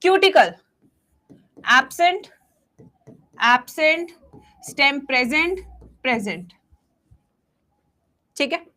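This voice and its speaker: In this exam-focused biology class, a young teacher blends Hindi and English, dictating table entries slowly before dashing off quick asides to students. Her high voice is very animated, pushed, and bright.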